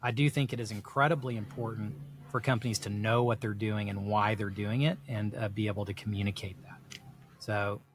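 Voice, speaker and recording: A fairly low, steady voice at a fairly quick clip belongs to a middle-aged man from South Texas. He wanders reflectively through ideas on a podcast, filling gaps with "you know," in a casual discussion.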